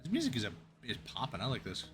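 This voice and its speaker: A man's voice: mid-range voice, huge pitch swings, fast talker, fairly bright tone, faint music behind. A young man streaming a game, chatting casually and telling a long joke in a rambling way with restarts and chuckles.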